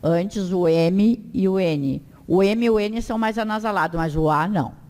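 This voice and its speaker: A woman teaching an Esperanto class, slowly drilling pronunciation for her students to repeat in a classroom. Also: mid-range voice, darkish tone. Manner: slow, drawn-out drilling of words for learners to repeat. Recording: long hall reverb.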